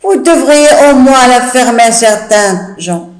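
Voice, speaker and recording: A teacher reading aloud as a cheeky young maid who keeps laughing, slow and in an echoey room. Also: mid-range voice, expressive. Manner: giggling, cheeky. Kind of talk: classroom reading of a classic comedy.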